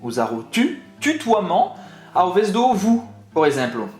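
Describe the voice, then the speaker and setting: A man's voice: high voice, wildly swooping pitch, a little slow. A man, speaking Portuguese as a co-host, adding short remarks and corrections in a casual lesson. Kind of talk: casual explanatory video lesson. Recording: echoey room with faint music.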